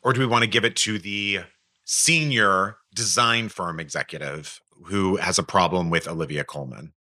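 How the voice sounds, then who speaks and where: A man's voice: sits low, normal speed, bright, forceful tone. A man co-hosting a podcast, steering the chat in an upbeat, agreeable way. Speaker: podcast co-host. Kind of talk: casual chat.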